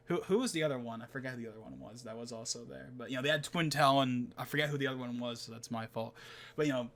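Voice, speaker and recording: A man's voice: a little high, bright, forceful tone. A young man hosting a gaming podcast, rambling casually with many fillers and laughs. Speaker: podcast host.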